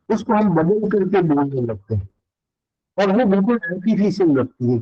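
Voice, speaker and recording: A man's voice: on the high side, a little mellow. Older male lecturer, lo-fi recording. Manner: explanatory, lists points, mixes in English phrases. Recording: dull lo-fi recording.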